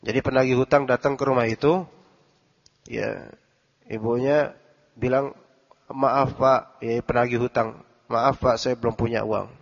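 A man teaching a religious study lesson, translating Arabic text phrase by phrase and quizzing his listeners. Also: medium pitch. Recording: dull recording with long hall reverb.

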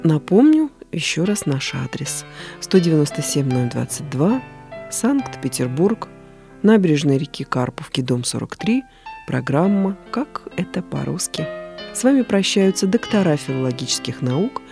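A woman's voice: deep voice, big pitch swings, moderate pace, vocal fry, dark tone, soft background music. A woman hosting a radio program, reading out the show's address and signing off in a formal announcing style. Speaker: radio host.

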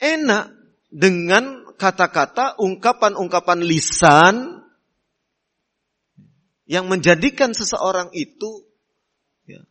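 A middle-aged male preacher delivers a sermon at an unhurried, deliberate pace. His voice sits fairly high for a man, and he leans on "ya" as a filler. He drops into a softer voice to act out polite hosts. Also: expressive. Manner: slow, deliberate teaching with frequent "ya" fillers; acts out polite hosts in soft voice. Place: Islamic boarding school hall.

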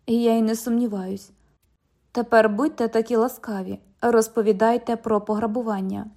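A woman's voice: a little high, steady tone, normal speed, a little mellow, natural voice. Jack: a woman doing a stiff young cop. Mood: formal. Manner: formal, stiff, patient. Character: patient, formal young male police officer. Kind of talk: audiobook dialogue reading.

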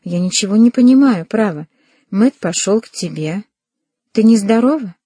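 A woman's voice: medium pitch, lively intonation, normal speed, dark tone, husky, no echo. A woman voicing a timid, frightened middle-aged mother in an audiobook reading. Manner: timid, plaintive.

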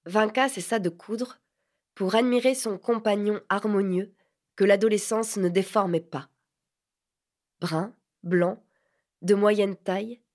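A woman narrating a classic novel for an audiobook in a measured, even storytelling voice. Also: medium pitch.

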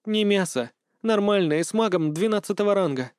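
A man's voice: high voice, lively intonation, normal speed, darkish tone, smooth, no echo, studio quality, pitched above the performer's own voice. A man reading aloud voices a weary, stubborn noble baroness who talks in a tired, pleading way.

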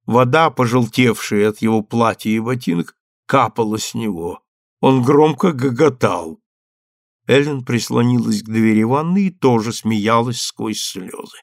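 A man narrating a literary novel as an audiobook, measured and expressive. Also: mid-range voice, vocal fry, no room sound, studio quality. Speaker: audiobook reader.

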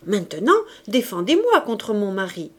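A woman reading aloud, voicing a playful young bride who teases and pouts in a raised, lively voice. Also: moderate pace, breathy edge. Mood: teasing. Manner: pouting, teasing, high and bright.

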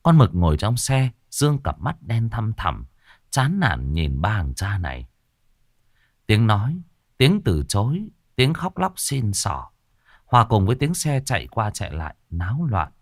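A male storyteller narrates a ghost story with a lively, rising and falling delivery. He is recorded close on the mic with a dry, bare sound. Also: fairly low pitch, measured pace, dry recording. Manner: animated storytelling, playing several characters.

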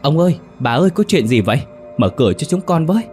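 A man's voice: low voice, a little fast, close to an everyday voice. Give me a timid young servant girl, anxious and pleading, who stammers when she answers her master, as a man puts her on in a spoken ghost story. Faint music lies under her. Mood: alarmed.

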